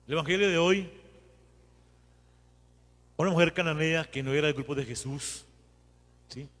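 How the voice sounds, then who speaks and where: Priest preaching, kinda high voice, church echo, chatty and lively. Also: male voice, normal speed. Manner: conversational, animated retelling with acted quotes. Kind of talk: homily.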